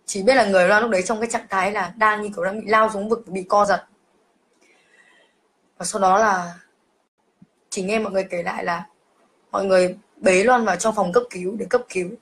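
A woman's voice: medium pitch, fairly even intonation, a little fast, pauses often. A young woman, emotionally telling her own ghost story on a live stream and calling herself by name. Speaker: livestreamer. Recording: faint background noise.

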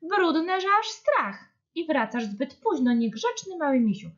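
A stern mother deer, as a woman reading aloud voices her, scolds in a high, agitated voice. The reading is muffled and lo-fi. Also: big pitch swings, normal speed, sharp tone, exaggerated voice. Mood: scolding. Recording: dull lo-fi storybook reading.

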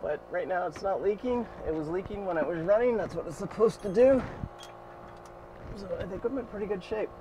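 A man in his fifties with a voice that sits high speaks fairly quickly over background noise. A boat owner vlogger, he walks through a hands-on repair in a cramped engine room, talking plainly with fillers and thinking aloud as he works. An action camera mounted in the engine room captures him, with the boat engine running.

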